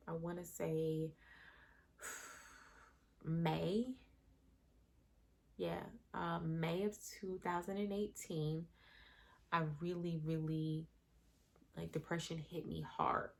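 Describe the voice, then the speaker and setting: A woman's voice: low-pitched, flat delivery, extremely slow, creaky, long pauses. A woman in her thirties telling a candid, emotional personal story in a conversational vlog. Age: 30s. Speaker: vlogger.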